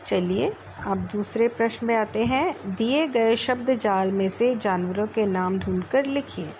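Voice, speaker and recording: A woman teacher giving a recorded language lesson to children, sounding out letters and words slowly and with care. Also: medium pitch, darkish tone, rough recording. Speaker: school teacher. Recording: clear background noise with passing vehicles.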